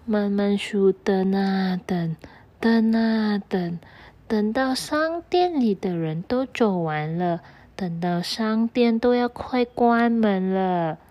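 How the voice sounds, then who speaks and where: A woman telling a children's story in a slow, soothing way. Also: mid-range voice, highs cut off.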